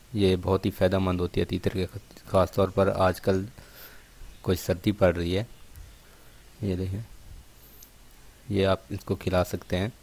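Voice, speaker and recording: A man demonstrating partridge care in a steady, explanatory vlog, repeatedly pointing things out to his viewers. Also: low-pitched. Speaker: bird keeper showing partridge care.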